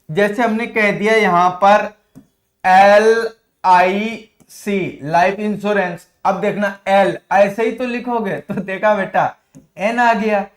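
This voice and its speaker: High-voiced male teacher in an echoey room. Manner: explanatory, addresses students as "beta". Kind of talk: classroom grammar lesson.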